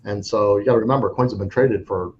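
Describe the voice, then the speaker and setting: This coin dealer talks fast in a lowish voice during a casual interview as a guest. Frank and rambling, he frequently restarts sentences, and the recording is dull lo-fi with faint noise.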